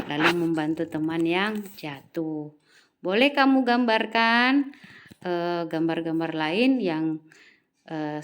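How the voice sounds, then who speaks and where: A woman teacher giving a recorded lesson to young pupils, reading out numbered lists and talking to them patiently. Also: deep voice. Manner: patient, addresses pupils as "Nak", reads lists aloud.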